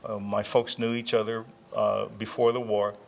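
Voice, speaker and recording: A man in his sixties, born in Israel and raised in New Jersey, answering interview questions in an unhurried way with many pauses and restarts. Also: lowish voice, flat delivery, creaky. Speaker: interviewee, retired chiropractor.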